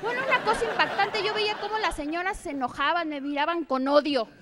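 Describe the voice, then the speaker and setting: A woman's voice: extremely high pitch, quick pace, over a noisy crowd, heavy background noise. A woman, telling a brash, swearing stand-up set on stage. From Mexico. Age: 30s. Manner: brash, swearing, punchy storytelling. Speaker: stand-up comedian. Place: comedy stage before a laughing audience.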